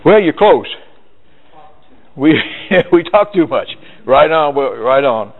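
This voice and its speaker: A man's voice: fairly high pitch, slow pace. Folksy male sales trainer in a tinny hall. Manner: folksy, animated storytelling with acted quotes. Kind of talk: live sales seminar talk. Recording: tinny lo-fi recording in a reverberant hall.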